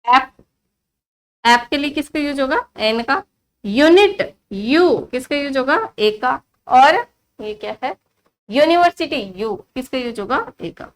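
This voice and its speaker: A woman with an Indian accent teaching an online grammar lesson. She asks her students questions and answers them herself, repeating key words slowly as a drill. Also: sits high, lively intonation, a little hiss or hum, rough recording.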